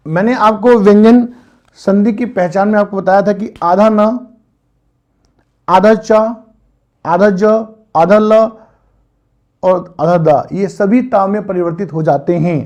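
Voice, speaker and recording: A man with a high voice teaches an online grammar lesson. He quizzes his students again and again and answers each question himself, patient and methodical. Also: steady tone, takes it slowly, long pauses, a little mellow, dull audio.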